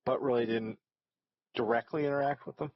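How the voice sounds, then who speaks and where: A man's voice: mid-range voice, fairly even intonation, a little fast, dry recording, highs cut off. A man hosting a reaction video, talking casually and rambling, with lots of ums and restarts. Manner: rambling, hesitant, with many fillers.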